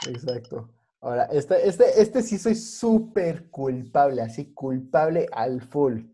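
A man's voice: on the high side, lively intonation, takes it slowly, warm tone, husky. A man with a Mexican accent chatting casually as a podcast host, using lots of slang and dropping English words into his speech.

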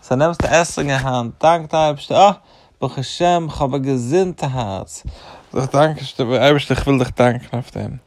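A man's voice: mid-range voice, normal speed, no room sound. A middle-aged man, a rabbi, patiently explaining to a child and listing things with devout, repeated thanks.

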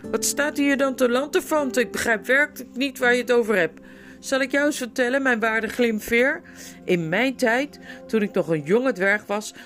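A woman's voice: fairly high pitch, pitched above the performer's own voice, lightly acted. A woman voicing an old, hard-of-hearing, irritable male dwarf who mishears everything. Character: old deaf cranky male dwarf regent.

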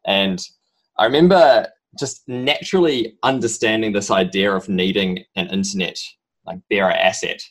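A young New Zealander with a strong Kiwi accent tells his story as a podcast guest in casual interview talk, halting and rambling with lots of ums. His voice is fairly low in pitch and a bit bright.

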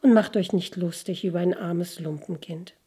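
Woman putting on a poor storybook girl, modest and bright, soft breathy voice. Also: on the low side, moderate pace. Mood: gently refusing. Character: young ragged girl, cheerful yet modest.

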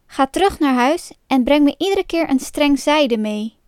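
A woman narrator voices a gentle young maiden from a storybook, eager and quick as she speaks. The voice is high and heard dry and close, much like the reader's own. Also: animated, no room sound.

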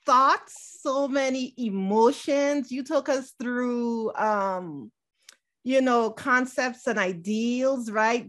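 A woman hosting a podcast, welcoming and interviewing her guest in an effusive, gushing way with frequent "um" and "so". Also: sits high. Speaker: podcast host.

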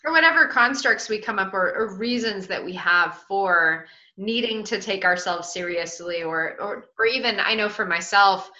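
Bright-voiced woman in her thirties, lo-fi. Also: mid-range voice, expressive, normal speed, few pauses. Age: 30s. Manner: reflective, searching for words. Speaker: business owner in a healing practice. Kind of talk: casual chat. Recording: dull lo-fi sound.

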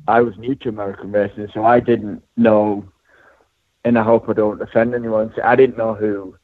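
A man's voice: lowish voice, no echo. English man with a Durham accent, phone-like sound. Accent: Durham, north-east England. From Durham, England. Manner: modest, self-deprecating. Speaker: racehorse trainer, interview guest. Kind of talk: conversational interview. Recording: phone-like, radio-style sound.

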